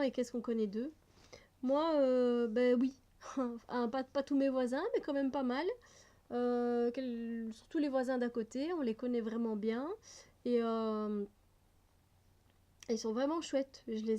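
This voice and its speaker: A woman's voice: fairly high pitch, warm tone. A woman vlogger reading out personal questions and answering them in a casual, chatty way, often laughing and hesitating.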